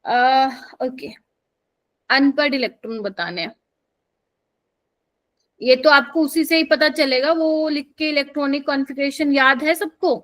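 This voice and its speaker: High-voiced Hindi-speaking chemistry teacher quizzing a class. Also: female voice, unhurried, long pauses, a bit bright, rough recording. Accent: Hindi, mixed with English terms. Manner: quizzes students, checks with frequent "ठीक है?". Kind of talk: live exam-prep class.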